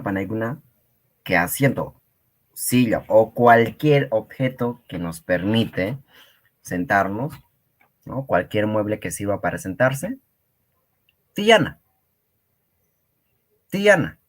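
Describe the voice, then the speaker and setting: A man teaching a Quechua class online, patiently repeating and explaining words for his students, with a Peruvian Spanish accent. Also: lowish voice.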